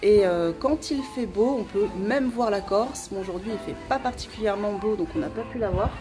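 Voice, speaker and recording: Young woman travel vlogger, hesitant delivery full of fillers, mid pitch, noisy outdoor audio. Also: fairly quick. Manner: hesitant, many filler sounds. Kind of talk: casual travel vlog to camera. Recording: outdoor camera audio with background noise.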